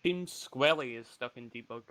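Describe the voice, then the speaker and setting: A man's voice: medium pitch, normal speed, a bit bright. A man playing in a multiplayer game, chatty and quipping about the mission over voice chat. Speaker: player.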